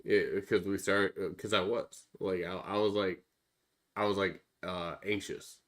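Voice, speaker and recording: Man, very deep voice, podcast co-host, casual rambling, swears a lot, lots of restarts. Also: fairly even intonation, a little slow, a bit bright. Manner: rambling, profane, many restarts. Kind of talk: casual chat.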